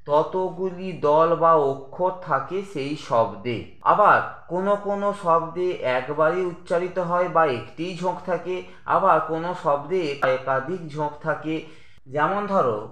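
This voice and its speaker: A man teaching a grammar lesson, explaining slowly and deliberately with examples. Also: on the high side, a bit bright, roomy sound.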